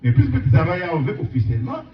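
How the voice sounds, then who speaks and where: A man preaching an informal sermon, animated and repeating words for emphasis. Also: on the high side, fast talker, slight background noise. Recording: echoey room, distant mic, dull sound.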